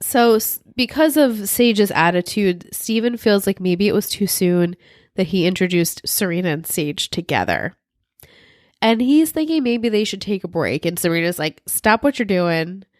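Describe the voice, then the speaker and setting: Congested and worn from a sinus infection, this woman's medium-pitched voice moves at a moderate pace as she co-hosts a podcast recapping a TV show. She chats casually and animatedly, voicing characters' quoted lines along the way. Studio-quality audio, with no room sound.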